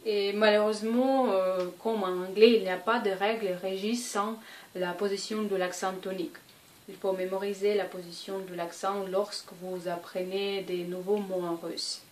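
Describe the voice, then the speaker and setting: A woman's voice: mid-range voice, steady tone, moderate pace, darkish tone, distant mic, slight background noise. A woman from Russia with a Russian accent, teaching a language lesson patiently and drawing out example sounds. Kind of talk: explanatory lesson. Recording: echoey room, voice off-mic, faint ambience.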